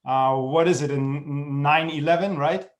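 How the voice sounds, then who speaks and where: A man hosting a podcast, asking questions in a friendly, halting way with many fillers. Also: fairly high pitch, steady tone. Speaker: podcast host. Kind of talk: casual interview chat.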